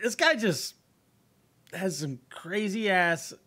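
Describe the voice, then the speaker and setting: Older male reaction host: bright, high-pitched, loose and expressive, informal. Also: takes it slowly. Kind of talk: casual reaction commentary. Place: small home room. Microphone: close microphone on a boom arm.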